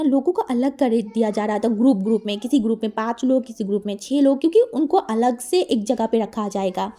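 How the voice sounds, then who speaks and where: High-voiced woman telling a story casually. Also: mellow. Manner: chatty, repetitive, mixes English words. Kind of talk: casual fan-fiction storytelling.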